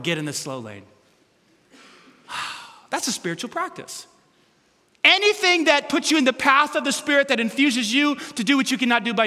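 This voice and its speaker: A pastor with a very high-pitched, bright, loud voice preaches a sermon in an echoing hall. His storytelling is animated and self-deprecating, with sudden loud bursts. The recording carries long hall reverb.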